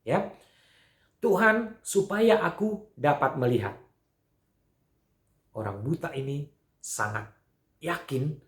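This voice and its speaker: A man teaching Sunday school, telling a Bible story to children in an animated way, with frequent fillers, acting out the characters' lines. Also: mid-range voice. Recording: echoey room.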